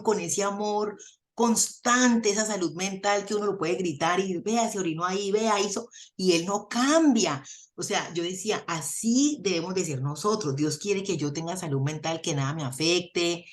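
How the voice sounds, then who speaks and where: A woman with a Colombian accent, a theologian guest in a radio interview, explaining with animated stories and folksy sayings. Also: lowish voice.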